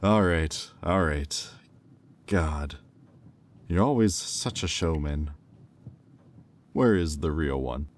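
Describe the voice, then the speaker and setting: Here the same arrogant demon bidder, voiced by a man with an extremely low, slow and deliberate voice, reacts in amused disbelief. His delivery is exaggerated and expressive, sardonic and condescending like a roleplay villain, over faint background noise.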